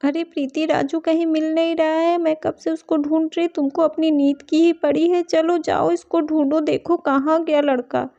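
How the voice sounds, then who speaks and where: A woman's voice: high-pitched, level tone, normal speed, gravelly, hardly any pauses, dark tone, dull audio. Woman doing a fretful worried mother. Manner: fretful, pleading. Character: worried young mother searching for her son.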